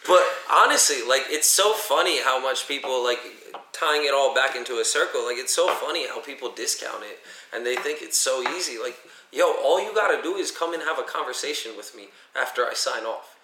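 A man's voice: medium pitch, animated, brisk, hardly any pauses, pushed and bright, reverberant, far from the mic, a little hiss or hum. A young man co-hosting a casual podcast chat, telling stories emphatically. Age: young adult. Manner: emphatic, storytelling with repeated "like". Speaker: podcast co-host, event DJ/MC.

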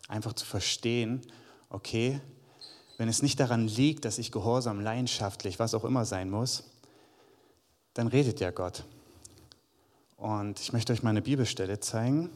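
A man's voice: lowish voice, normal speed, long pauses, darkish tone. A man giving a conversational sermon to a congregation, reading Bible verses aloud. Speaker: preacher. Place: church hall. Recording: long hall reverb.

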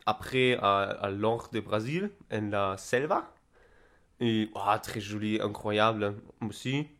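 A young man from Germany with a German accent touched by Spanish, speaking broken, halting non-native French in a casual interview, often repeating and searching for words. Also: on the low side, fairly bright tone. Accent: German with Spanish influence. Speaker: interviewee recounting travels.

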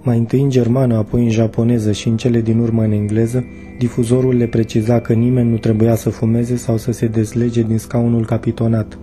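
A man narrating an audiobook excerpt in a steady, measured reading. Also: medium pitch, slight background noise. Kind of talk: scripted narration. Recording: faint background music.

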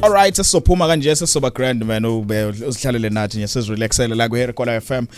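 A man's voice: medium pitch, very fast. A man with a Zulu accent hosting a radio show in a casual, slangy, laid-back chat with English words mixed in. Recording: music under the voice. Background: music.

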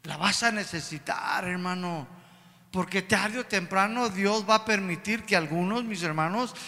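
A man's voice: sits high, normal speed, sharp tone, long reverb tail. A man preaching a sermon in an emphatic style, repeatedly calling out to his brothers in the congregation.

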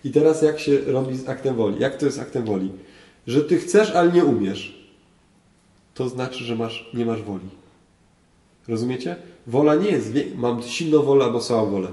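Dark-voiced priest in an echoey room. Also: male voice, mid-range voice, fairly quick. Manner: asks listeners questions and repeats phrases for emphasis. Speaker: priest teaching a group. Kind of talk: teaching talk on faith. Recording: roomy echo, voice from far off.

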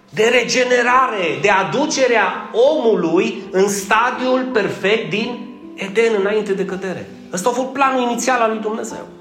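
A man's voice: high-pitched, a bit bright, reverberant. A man preaching a conversational sermon, joking and asking the congregation questions.

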